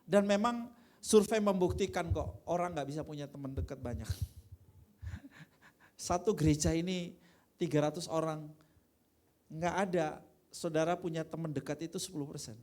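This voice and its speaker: An Indonesian man preaches at a church service, keeping it conversational as he shifts between hushed asides and loud, forceful outbursts. His voice is on the high side, at a normal speed, with frequent pauses.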